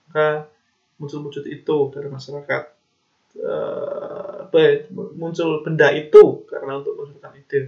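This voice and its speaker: A man's voice: a little high, vocal fry. A man giving a casual lecture, hesitant and full of fillers and restarts. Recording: dull lo-fi recording.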